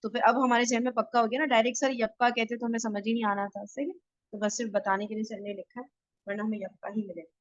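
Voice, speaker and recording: A woman's voice: a little high, little pitch movement, quick pace, no echo, muffled recording. A woman tutoring a grammar class, explaining points again in a reassuring way and checking that everyone follows. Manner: reassuring, checks understanding with tag questions.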